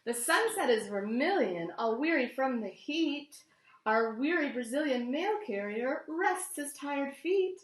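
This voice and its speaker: Reading a picture book to children, a woman from the United States sounds high-pitched and a little slow. Her American-accented delivery is animated and full of casual side remarks, and the room echoes around her.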